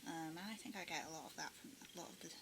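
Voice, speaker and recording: A woman's voice: deep voice, rapid-fire. A woman casually showing her sketchbook art, rambling with many ums and restarts and often dropping to a half-whisper. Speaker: art vlogger. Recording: steady background noise.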